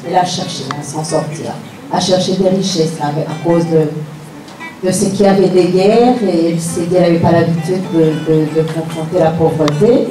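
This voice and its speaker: A middle-aged woman from Rwanda, speaking in a low, dark voice, gives a personal religious testimony as a church member. She tells her story earnestly, repeating phrases for emphasis, in an echoey room with a distant mic and music.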